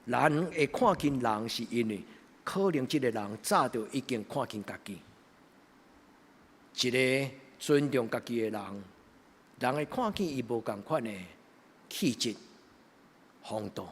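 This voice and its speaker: A man with a Taiwanese Hokkien accent preaching a church sermon as a pastor, emphatically, swelling from soft to loud. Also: medium pitch, expressive, a little slow, pauses often, husky. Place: large church hall during a livestreamed service. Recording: reverberant hall, long echo.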